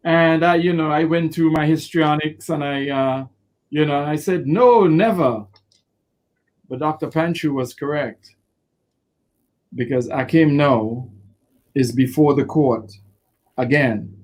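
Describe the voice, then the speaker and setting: A man, a defense lawyer answering in an interview, expressive and quick to act out what people said. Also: a little high. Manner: expressive, acts out quotes with laughter.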